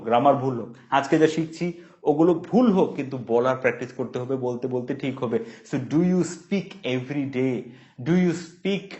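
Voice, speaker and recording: A man with a Bengali accent giving a spoken English lesson, drilling English phrases slowly and explaining them quickly. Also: mid-range voice, darkish tone. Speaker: English tutor. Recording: dull lo-fi sound.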